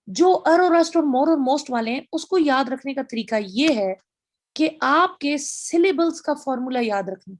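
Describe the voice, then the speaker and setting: A woman with a Pakistani accent giving a grammar lecture, explaining step by step and spelling out English example sentences. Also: high-pitched. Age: middle-aged.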